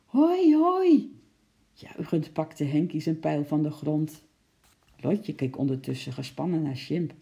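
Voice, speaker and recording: A narrator reading a children's story aloud in a calm, even manner. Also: medium pitch, unhurried, gravelly. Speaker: audiobook narrator.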